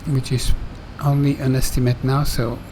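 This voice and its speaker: A man giving step-by-step flight commentary as a simulator pilot, pausing often in mid-sentence. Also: mid-range voice, slight background noise. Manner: halting, pauses mid-sentence. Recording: steady aircraft drone behind voice.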